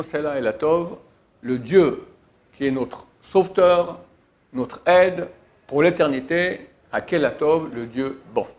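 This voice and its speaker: Rabbi translating prayer slowly. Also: male voice, fairly high pitch, a little mellow. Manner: translates Hebrew phrase by phrase, stressing key words. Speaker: rabbi teaching prayer laws. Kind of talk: religious lesson, line-by-line translation.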